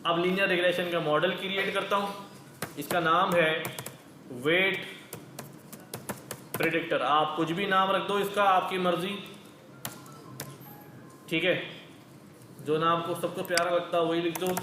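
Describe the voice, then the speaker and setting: A man's voice: high voice, level tone, unhurried, pauses often, sharp tone, reverberant, a little hiss or hum, rough recording. A male teacher leading a coding lecture in a casual, conversational way, asking questions and then answering them himself. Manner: conversational, calls listeners brother.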